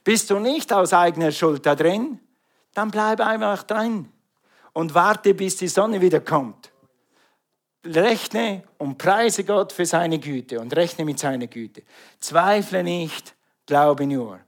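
A middle-aged man from Switzerland preaches slowly in a high-pitched voice, his Swiss German accent audible as he delivers an animated sermon and calls out to the congregation.

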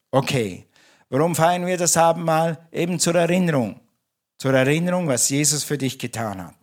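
A man preaching a sermon in German to his congregation, talking in a conversational way with frequent restarts and self-corrections. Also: medium pitch. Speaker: pastor. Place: church.

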